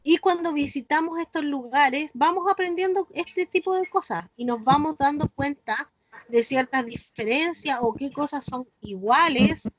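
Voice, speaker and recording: A woman's voice: high-pitched, a little slow, a bit bright, no echo. A woman with a Chilean accent teaching an online class to children, explaining patiently and often checking in with the class. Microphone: video call. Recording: noisy video call.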